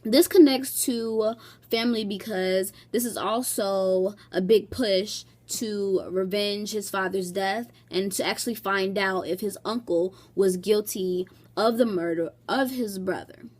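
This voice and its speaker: Slow-speaking woman presenting. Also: mid-range voice, a little mellow.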